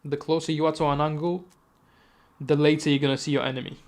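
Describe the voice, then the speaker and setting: Guy casting a live esports match, fast play-by-play, kinda high voice, keeps correcting himself. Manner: rapid, self-correcting, chatty asides, sudden excited outbursts. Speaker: esports caster.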